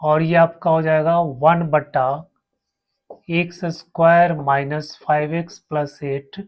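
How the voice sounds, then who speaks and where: A man's voice: a little high, steady tone, takes it slowly, lo-fi sound. A man teaching a maths lesson, walking his students through each step and repeating terms as he writes. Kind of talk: slow blackboard maths lesson.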